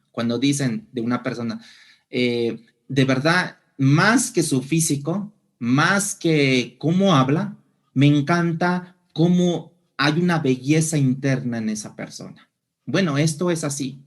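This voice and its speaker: A man preaching a sermon, explaining scripture and asking the congregation questions. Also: medium pitch. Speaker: pastor.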